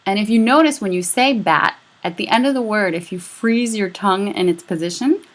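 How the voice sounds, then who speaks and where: A woman with a mid-range voice gives a recorded lecture at a brisk pace as an instructor. She's patient and explanatory, going step by step and voicing sample speech sounds aloud to demonstrate them.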